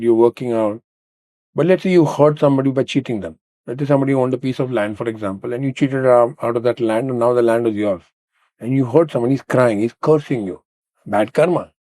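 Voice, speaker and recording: A man's voice: mid-range voice, dark tone, dry recording. A man hosting a conversation, explaining ideas earnestly with rhetorical questions. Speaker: podcast host.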